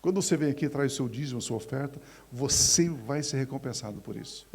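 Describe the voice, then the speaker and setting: A man preaching a sermon as a pastor, swinging from hushed to loud. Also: mid-range voice, quick pace, breathy edge. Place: church.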